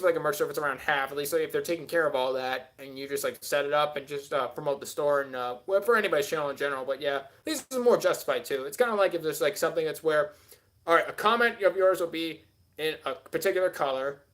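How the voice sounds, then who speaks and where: Guy streamer rambling fast, kinda high voice, lots of likes and uhs. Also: a bit bright. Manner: rambling, heavy filler words. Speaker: live stream host. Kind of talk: casual live stream chat.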